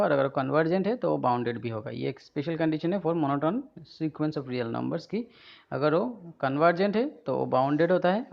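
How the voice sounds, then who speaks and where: A male math teacher lectures step by step, often pausing to check that listeners follow. His voice has a gravelly, fry-laden edge at a middling pitch. The recording sounds dull and lo-fi. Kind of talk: lecture mixing Hindi and English.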